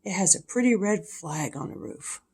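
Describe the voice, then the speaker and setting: A woman's voice: fairly low pitch, expressive, normal speed, darkish tone, husky. An older woman with a sweet old lady manner voicing an earnest, agreeable male bird in a storybook. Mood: mild, unsure.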